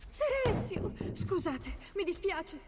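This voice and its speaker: An actress playing a distressed, loyal household servant with a husky voice in dramatic game dialogue. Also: female voice, very high-pitched, very animated, slow, in a large hall, heavy background noise, full character voice. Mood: alarmed, apologetic.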